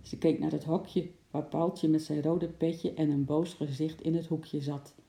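Lively children's-book narrator, dark tone, roomy room. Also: mid-range voice, a little slow, creaky. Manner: lively storytelling. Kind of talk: children's audiobook reading. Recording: roomy echo.

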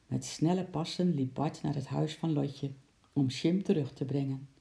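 A storyteller reads a children's story aloud, expressive and lively. The voice is gravelly, with a dark, mellow tone. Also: mid-range voice, moderate pace.

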